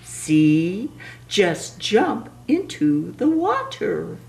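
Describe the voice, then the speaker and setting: A woman voicing a gentle fish who calmly gives advice. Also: fairly low pitch, extremely slow, creaky, recorded from a distance, full character voice. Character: calm helpful fish, gentle.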